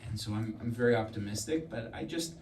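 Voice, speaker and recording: A man speaking as a politician answering a question at a public event, earnest and halting, often repeating words. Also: mid-range voice. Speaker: provincial government politician. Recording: echoey room, distant mic, faint noise.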